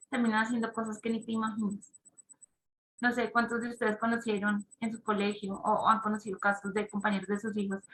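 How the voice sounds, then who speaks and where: A woman talks parents through an idea in a bright, fairly high voice. She explains step by step and keeps checking in with her listeners. The sound rings a little in an echoey room. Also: slight background noise. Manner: conversational, explanatory, asks the audience questions. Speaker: parenting talk speaker. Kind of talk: online parent talk.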